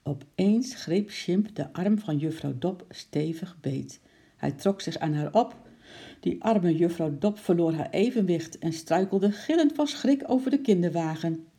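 Gravelly, husky children's story reader. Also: mid-range voice, measured pace. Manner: calm, steady storybook narration. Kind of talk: reading a children's story aloud.

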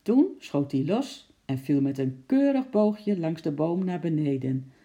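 Dark, gravelly storybook narrator. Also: medium pitch, lively intonation, measured pace, muffled recording. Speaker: audiobook narrator. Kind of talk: children's story reading.

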